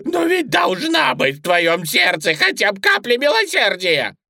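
A woman voicing a tiny male chocolate bunny in a storybook reading, squeaky and wailing as it curses and begs. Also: big pitch swings, measured pace, sharp tone, no echo, studio quality, exaggerated voice. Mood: anguished shrieking. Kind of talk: storybook narration.

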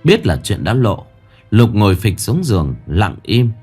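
A man narrating a dramatic ghost story in an expressive way. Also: on the low side, a little slow, slightly rough, soft background music.

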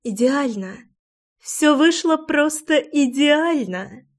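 A woman doing a cold, gloating woman villain for a storybook, scheming and a touch high. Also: lively intonation, slow pace. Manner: cold, gloating, hissing threats.

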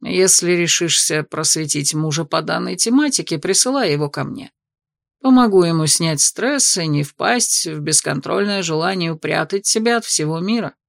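A woman reading an audiobook voices a cocky male elf healer, speaking low and slowly with a smug tone. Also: expressive, creaky, dry recording, clean studio sound. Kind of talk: audiobook character voice.

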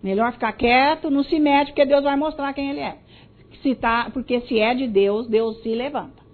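A woman with a Brazilian Portuguese accent preaching a sermon emphatically, moving between loud stresses and soft asides aimed at her listeners. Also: high-pitched, normal speed. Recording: tinny phone-like audio.

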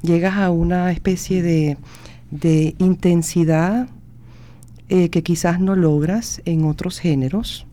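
A woman poet answers interview questions slowly and reflectively. She pauses often to search for words. Her voice is warm and mellow. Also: fairly low pitch.

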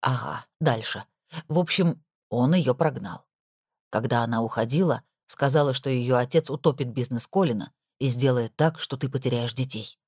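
A woman voicing an older, caring, gossipy woman in an audiobook, confiding in a low voice. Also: moderate pace, darkish tone, breathy edge, no echo, studio quality. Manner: confiding, chatty.

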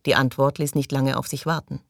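A woman narrating a novel as an audiobook in a steady, even reading style. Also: rumbling low, fairly quick, creaky, no echo, studio quality. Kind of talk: scripted narration.

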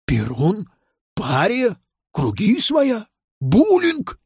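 A woman's voice: deep voice, sing-song, normal speed, darkish tone, dry recording, clean studio sound. A woman voicing a flustered bearded male class teacher who talks in exclamations and lectures. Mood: puzzled.

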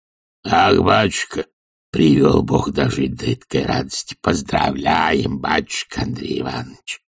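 Guy putting on a wheezy old servant, hoarse and gravelly, mumbling slow. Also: extremely low pitch, distant mic, pitched below the performer's own voice, full character voice. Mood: fussing. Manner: slow, mumbling, pious exclamations. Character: old male servant, wheezing, fussy, devoted.

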